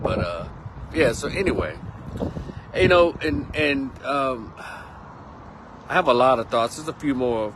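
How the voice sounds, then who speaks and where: A Texan man in his fifties talks through a relaxed, rambling monologue, full of slang and easy asides. He is recorded outdoors on a windy day, with a faint hum of traffic behind him. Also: lowish voice. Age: 50s. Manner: chatty and rambling, laid-back slang. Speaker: vlog host. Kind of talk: casual monologue.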